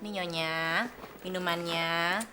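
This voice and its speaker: An actress playing a sassy, complaining housemaid who talks in slang in a sitcom. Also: female voice, on the low side, little pitch movement, slow. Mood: grudging. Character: sassy, grumbling young housemaid. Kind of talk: sitcom acting. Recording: roomy set with loud music.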